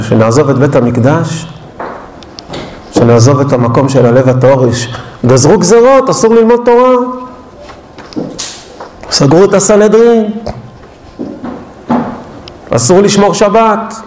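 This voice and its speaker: A man's voice: a little high, expressive, pauses often, a little mellow, reverberant, a little hiss or hum, rough recording. A man preaching a Hanukkah sermon with passion, pressing his point through rhetorical questions. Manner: impassioned, full of rhetorical questions.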